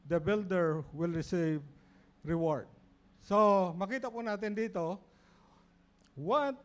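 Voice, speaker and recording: A man with a Filipino accent preaching a sermon in church, moving between English and Tagalog with dramatic pauses. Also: sits high, clean tone. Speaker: pastor.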